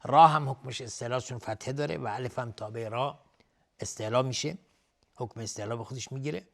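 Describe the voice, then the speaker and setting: A middle-aged man teaching Quran recitation on television, explaining each rule step by step and reciting verses in a slow, drawn-out chant. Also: mid-range voice, creaky, fairly bright tone. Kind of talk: tajweed lesson for television.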